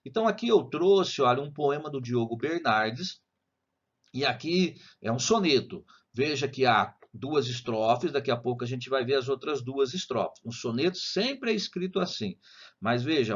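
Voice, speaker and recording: A man's voice: medium pitch, expressive, moderate pace, fairly bright tone, husky, dull audio. Chatty Brazilian man teaching literature. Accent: Brazilian Portuguese. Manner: chatty and explanatory, frequent "né?" and "tá?" tags. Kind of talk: video lesson, casual explaining.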